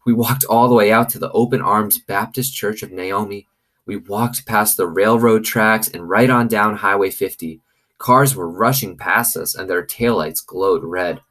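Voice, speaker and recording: A man with a lowish, slightly bright voice reads a children's novel aloud the way a teacher would, expressively, adding commentary as he goes.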